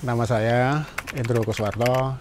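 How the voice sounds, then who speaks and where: Halting Indonesian farmer, plainly spoken. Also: male voice, mid-range voice, steady tone, background noise. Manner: halting, repeats himself while explaining. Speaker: coffee farmer. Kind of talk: documentary interview.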